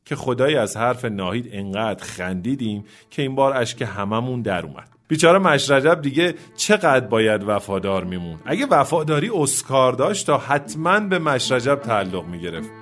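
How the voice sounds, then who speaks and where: A male host tells a humorous story in a relaxed, conversational way. His pitch sits in an ordinary middle range. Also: hardly any pauses, faint music behind. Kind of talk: narrated storytelling.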